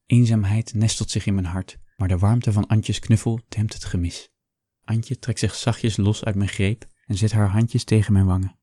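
A man reading a first-person story aloud in a calm, measured storytelling manner. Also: on the low side, no room sound, clean studio sound. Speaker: audiobook narrator. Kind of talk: scripted first-person narration.

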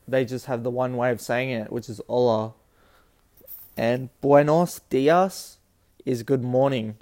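A man's voice: mid-range voice, smooth. A man hosting a casual solo podcast, rambling and restarting his sentences as he explains things. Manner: rambling, restarts often, flat delivery. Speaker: podcast host.

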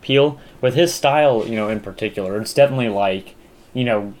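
A young podcast co-host chats casually, rambling with lots of fillers and restarts. His voice is mid-range, brisk and darkish in tone.

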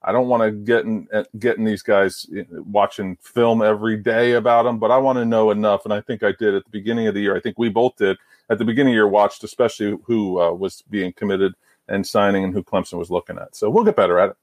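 Low-voiced man with halting speech. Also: fairly even intonation, darkish tone, no room sound. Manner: halting, repeats words. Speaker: podcast co-host. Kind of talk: casual sports chat.

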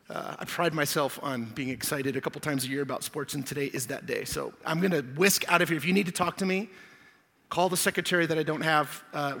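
A man preaching, hoarse from losing his voice, joking and rambling through asides at the start of his sermon. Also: on the high side, fairly bright tone. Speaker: pastor. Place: church hall. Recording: long hall reverb.

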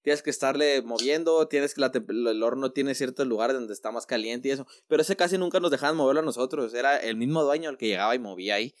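A man's voice: medium pitch, fast talker, few pauses, no room sound, clean studio sound. A man with a Mexican accent, telling a story in casual, slangy chat. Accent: Mexican Spanish.

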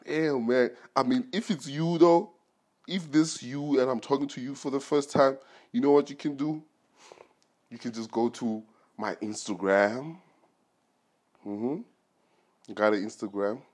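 A man's voice: mid-range voice, measured pace, long pauses, a little mellow. A man hosting a solo podcast, talking casually in a rambling, joking way with plenty of slang. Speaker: podcast host.

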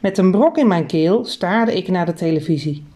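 Mellow woman reading a children's story. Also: on the low side, normal speed. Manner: lively, expressive reading. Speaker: narrator. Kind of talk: scripted storybook narration.

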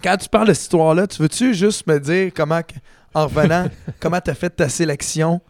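A man with a Québécois French accent joins a casual chat, teasing his friend and laughing easily. His voice sits a little high for a man. The sound is dry and close. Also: brisk, a little mellow, no room sound.

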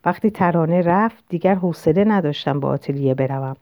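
Low-voiced woman narrating a novel. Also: no echo. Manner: calm, reflective first-person reading. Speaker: audiobook narrator. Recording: dull lo-fi recording.

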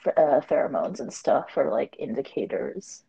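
Low gravelly young woman chatting. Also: animated, moderate pace, mellow, poor audio. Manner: rambling, filler-heavy, frequent laughter. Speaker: podcast co-host. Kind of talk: casual chat.

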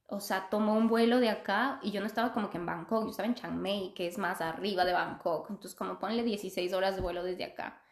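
A woman's voice: mid-range voice, steady tone, fast talker, few pauses. A young woman, a podcast guest, telling a personal story in casual, chatty conversation and laughing often. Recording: echoey room.

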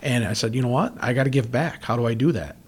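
A man's voice: mid-range voice, slightly rough. A man, a police chief, speaking reflectively in an interview, with fillers and restarts. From from western New York. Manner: measured, reflective, with frequent fillers. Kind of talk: conversational interview.

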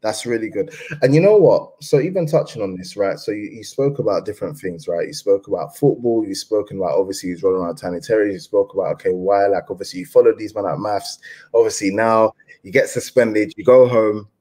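Host guy, lowish husky voice, encouraging, keeps it chill. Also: quick pace, mellow. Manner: encouraging, lots of murmured agreement. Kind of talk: casual interview.

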